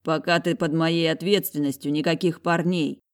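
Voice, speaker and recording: A woman voicing an angry, possessive young man who speaks slowly through gritted teeth. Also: low-pitched, steady tone, close to an everyday voice. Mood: stern. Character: stern possessive young man, barely holding anger.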